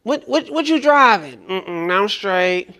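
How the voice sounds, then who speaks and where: A man voicing a dismissive young woman who brushes off suitors in a high, clipped, sneering voice. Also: lively intonation, slow, fairly bright tone.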